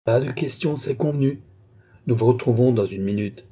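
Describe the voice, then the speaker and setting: A man's voice: medium pitch, warm tone, husky. A man voicing a cool, precise middle-aged detective who spaces out his syllables, in a read-aloud story. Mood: calm command. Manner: clipped, measured, punctuating syllables.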